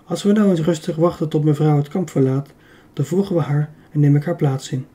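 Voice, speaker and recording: A man reading an audiobook, voicing a self-assured young woman who calmly argues her plan. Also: on the high side, a little fast, natural voice. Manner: calm, persuasive. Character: very young woman, confident and clever.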